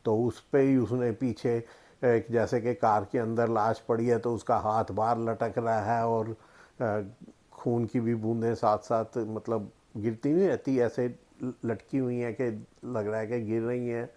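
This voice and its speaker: Slow-talking middle-aged man from Punjab. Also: medium pitch, level tone, mellow. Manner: slow, unhurried, storytelling with many pauses. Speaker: vlogger. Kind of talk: casual explanatory chat.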